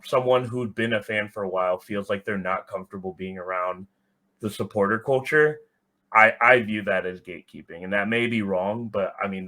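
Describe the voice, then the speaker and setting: This man's voice sits lowish and sounds pushed and bright. Appearing as a podcast guest, he offers relaxed, thoughtful explanations in a conversational interview and makes sure his listener is following along.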